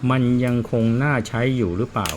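Lively in intonation and a little fast, a mid-range male voice chats plainly while repairing watches, telling stories and explaining as he goes. There's a little hiss or hum.

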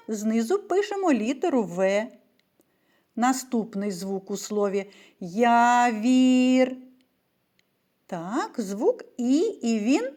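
Slow, lively-voiced woman teaching small children. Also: on the high side. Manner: patient, sing-song questions and answers to children. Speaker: primary school teacher. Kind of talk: slow, clear lesson for young children.

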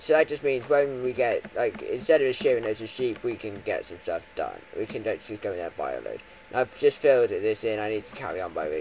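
Male gaming commentator, rambling and casual, lively swinging pitch, faint hiss on a home mic. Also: gravelly, low-quality recording. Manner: rambling, chatty, with lots of ums and self-corrections; swings from loud bursts to low mumbles. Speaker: gaming YouTuber. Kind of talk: Minecraft let's play commentary.

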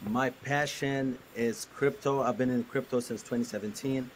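A man's voice: medium pitch, steady tone, normal speed, poor audio. A man from Jordan, raised in the United States, giving plain, somewhat hesitant interview answers over a video call. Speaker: guest developer. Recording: faint ambient noise.

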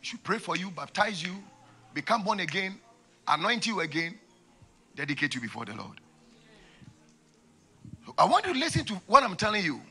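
A man in his forties with a West African accent and a husky voice, preaching and telling stories, repeating phrases for emphasis into a handheld microphone. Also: sits high, big pitch swings, normal speed, pauses often, bright, forceful tone. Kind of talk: sermon with storytelling. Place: large church auditorium, on stage.

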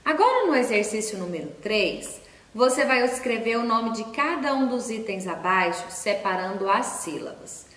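Woman teacher, slow patient spelling, questions she answers herself, fairly high voice, far from the mic in a reverberant room. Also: sing-song, fairly bright tone. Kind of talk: recorded online class for young children. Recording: echoey room, distant from mic.

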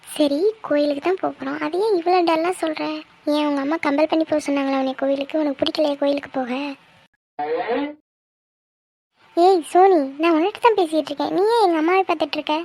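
A cheeky young college girl in a cartoon, her voice pitched up very high and racing along as she teases and gossips, as a woman puts her on. Her questions come out brash and quick. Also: steady tone, warm tone. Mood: bubbly. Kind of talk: cartoon voice acting.

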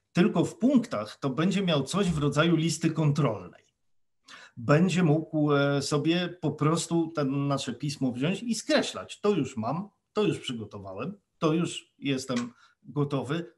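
A man giving a webinar lecture as a plain-language trainer for officials, explaining rules with worked examples in a conversational way. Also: mid-range voice. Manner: conversational, with frequent hesitation sounds.

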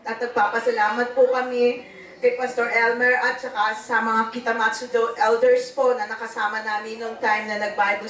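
Middle-aged woman, halting polite church testimony, handheld mic, roomy hall heard from a distance. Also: a little high, a bit bright. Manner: halting, polite, many fillers. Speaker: church member giving outreach history. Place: large bare church hall indoors. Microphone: handheld microphone. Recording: echoey hall, far camera.

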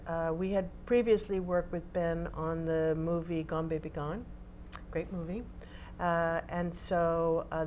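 Woman, low voice, friendly interview guest; faint hum behind. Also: darkish tone. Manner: friendly, explanatory. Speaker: casting director.

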